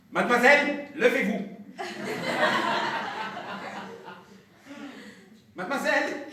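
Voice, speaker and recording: An actor playing a pompous, irascible, domineering professor in an absurdist stage play, with insistent, emphatic delivery. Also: male voice, very high voice, bright, forceful tone, a little hiss or hum. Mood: shaken, panicked. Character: domineering, irascible, pedantic male professor who turns murderous. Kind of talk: absurdist theatre acting. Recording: very echoey room, distant microphone.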